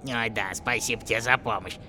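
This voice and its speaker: A greedy, fawning trader, as a male storyteller puts him on, murmurs his flattery low and quick. His voice is bright and scheming. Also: slight background noise. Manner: sly, flattering. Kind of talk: storybook reading.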